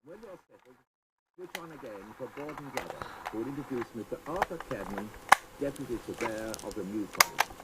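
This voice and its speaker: A man gives driving directions in a measured, scripted style, heard through the wobbly tape warble of a worn cassette player. His pitch wanders widely as the tape drags and speeds. Heavy tape hiss sits under every word. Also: animated. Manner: measured, carefully paced directions. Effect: wobbly tape warble from an old cassette player with high wow and flutter. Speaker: tour guide narrator. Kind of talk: scripted narration of a driving tour. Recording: hissy old cassette tape played back aloud.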